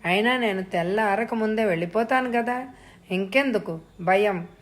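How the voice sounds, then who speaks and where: A woman voicing a scheming young woman who coaxes softly and later turns indignant. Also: medium pitch, normal speed, close to an everyday voice. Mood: coaxing. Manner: coaxing, soft, then indignant.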